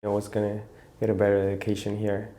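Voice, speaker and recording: A young man from Mexico, a university student, introducing himself in a plain, measured way in a documentary interview. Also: lowish voice, monotone, warm tone. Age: young adult.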